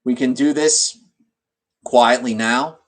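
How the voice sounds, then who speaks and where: A man with a mid-range voice and fairly even intonation guides a meditation in an instructional way. He speaks deliberately in short phrases, pausing mid-sentence.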